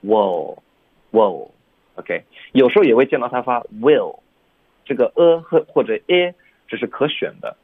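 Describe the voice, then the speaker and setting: A man's voice: mid-range voice, very animated, moderate pace, dry recording, phone-quality sound. A man co-hosting a radio English lesson, explaining pronunciation step by step and often checking with "OK?". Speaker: English teacher co-host.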